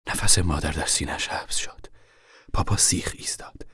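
A man giving scripted narration for a radio drama in a measured, steady way. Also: very deep voice, breathy edge, dry recording, in a whisper, clean studio sound.

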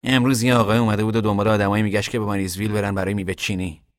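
A skeptical, practical grown son of a poor family, voiced by a male reader. His low voice lifts as he reasons things out. The recording is dry and close. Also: flat delivery, no room sound, lightly acted. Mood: doubtful.

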